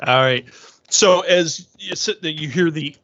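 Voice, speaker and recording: A man narrating a tabletop game as game master, unhurried and filled with "uh"s, over an online voice call. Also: on the high side, noisy background. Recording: muffled lo-fi online voice chat.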